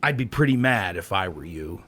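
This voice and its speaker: A man's voice: low voice, expressive, moderate pace, bright, forceful tone, full character voice. A man playing War, a scheming horseman of the apocalypse, blunt and prodding, in a naturalistic radio comedy. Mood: insinuating.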